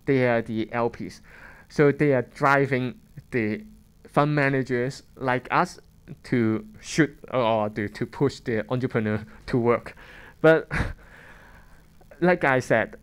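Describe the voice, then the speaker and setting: A fund manager with a Hong Kong accent gives a seminar talk to a room of students, his mid-range voice slow, fairly smooth, and resonant. He sounds about thirty-something and speaks off the cuff in plain, conversational English, with restarts and short chuckles as he works through his points.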